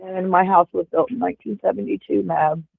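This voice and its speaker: Fairly quick and steady in tone, her lowish voice is creaky and slightly rough, with no echo. She's a woman in her 40s on a livestream as a guest, casually rambling with lots of fillers through earbuds over a tinny, phone-like call.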